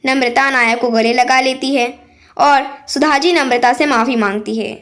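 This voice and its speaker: A woman narrating a family moral story in a steady, plain way. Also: high-pitched, moderate pace.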